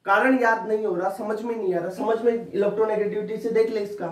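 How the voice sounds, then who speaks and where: A man's voice: sits high, fairly even intonation, quick pace. A man, chatty and informal, hammering the same points again and again. His voice is picked up from some distance in a roomy, echoing space. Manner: informal, addresses student as "bhai" and "tu", repeats points to drill them. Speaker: chemistry teacher. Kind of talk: exam-prep lecture. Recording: roomy classroom audio, mic at a distance.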